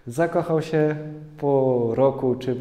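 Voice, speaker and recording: A priest giving a lively sermon to young people, telling stories and jokes. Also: male voice, mid-range voice, takes it slowly. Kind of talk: sermon to a youth community. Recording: echoey hall.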